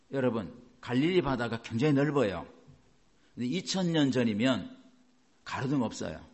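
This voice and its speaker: With a mid-range voice, a male pastor preaches to his congregation, first reading scripture at a slow pace and then talking through its meaning conversationally.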